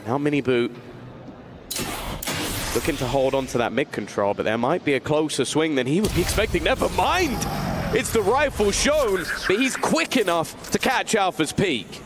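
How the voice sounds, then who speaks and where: A man commentating an esports match as a caster, dramatic, building to excited, shouted play-by-play calls. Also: a little high, normal speed, noisy background.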